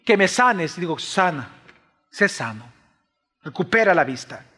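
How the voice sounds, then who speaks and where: A man preaching a sermon, swinging between hushed pleading and raised, emphatic preaching. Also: high voice, very animated, unhurried. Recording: long reverb of a large hall.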